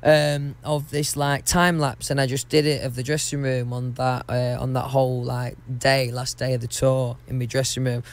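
A man from England, answering interview questions in a reflective, relaxed way. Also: medium pitch, moderate pace, hardly any pauses. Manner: reflective, relaxed, hesitant with fillers. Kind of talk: casual interview talk.

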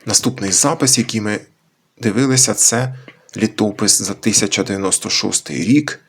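A man with a slightly low, gravelly voice gives a lesson on old grammar. He talks in a husky tone and works through each word one at a time, explaining carefully and methodically. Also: normal speed, a bit bright. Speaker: channel host explaining chronicle language.

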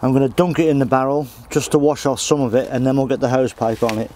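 Outdoors on his allotment, a middle-aged man demonstrates a task casually, speaking plainly and practically as he works. He talks fast at a medium pitch with a steady, darkish tone, and a faint hiss sits in the background.

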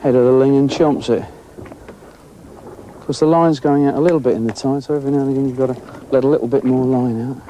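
A man's voice: medium pitch, fast, slight background noise. A middle-aged man hosting an angling show, chatting and commenting on the catch as he fishes from a boat at sea. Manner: chatty, excitable, talks while fishing. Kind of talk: casual on-location commentary.

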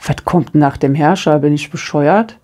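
Middle-aged german woman doing a tarot reading, chatty and self-mocking, lively storyteller. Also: low voice, moderate pace. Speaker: tarot reader. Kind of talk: casual chat.

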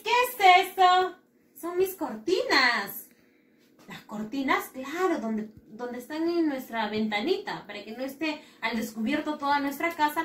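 A woman primary school teacher giving a recorded lesson, patient and slow as she drills repetition. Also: fairly high pitch, a little hiss or hum. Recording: echoey room, mic at a distance.

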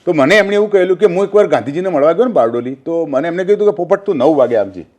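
A man's voice: a little high, lively intonation, racing, a little mellow. An older man from Gujarat, a former newspaper journalist, talking politics in an interview and telling anecdotes, acting out quoted speech.

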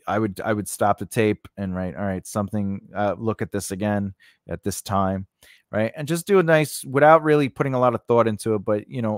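In clean studio audio with no room sound, a man with a lowish voice leads a writing lesson as its host and instructor. He keeps the tutorial loose and unscripted, talking conversationally, repeating phrases often and checking in with the listener.

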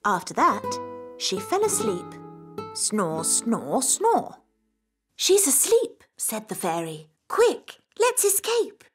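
A woman voicing a gentle fairy queen and mother in a cartoon, telling a story with expressive sound effects. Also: mid-range voice, takes it slowly, husky, faint music behind, exaggerated voice. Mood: storytelling.

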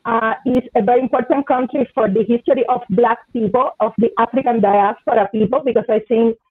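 A woman who researches dance, speaking thoughtfully on a video call, pausing often with "uh". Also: a little high, slightly rough, no echo. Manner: thoughtful, hesitant with many "uh"s. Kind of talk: panel discussion on video call. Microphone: laptop mic on video call. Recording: dry tinny phone-like audio.

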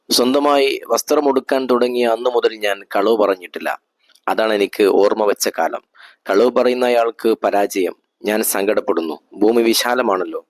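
A man's voice: on the low side, no room sound, lightly acted. Earnest pious adviser, read by a man. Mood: sorrowful. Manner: earnest and reflective. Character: pious, honest male adviser, calm.

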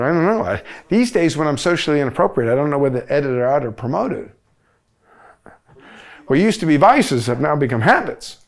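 A middle-aged man giving a lively medical review lecture, joking and acting out both sides of little dialogues. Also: fairly high pitch. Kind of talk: lively lecture with comic asides.

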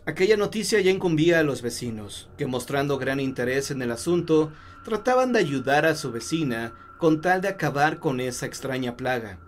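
Guy from mexico telling creepy stories, slow and dramatic, bit of faint noise behind. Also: mid-range voice. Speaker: horror story narrator. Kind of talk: scripted horror narration.

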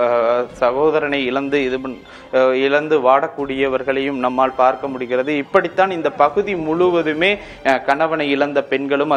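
A man reporting live as a field news reporter in formal language, halting and repeating his phrases. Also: mid-range voice, muffled recording.

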